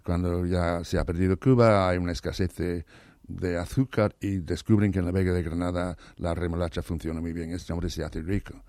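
Hoarse, deep-voiced man with a gravelly tone. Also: level tone, moderate pace, a little mellow, no room sound, clean studio sound. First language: not Spanish. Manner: enthusiastic, restarts words, many repetitions. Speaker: interview guest, literary scholar. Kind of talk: thoughtful conversational interview.

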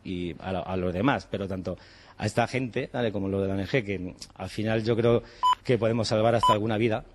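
A man's voice: fairly low pitch, steady tone, a little fast, background noise. A man in his forties from Spain, a chef and cooking teacher, talking casually and animatedly, acting out bits of dialogue and swearing in passing. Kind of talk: casual interview talk.

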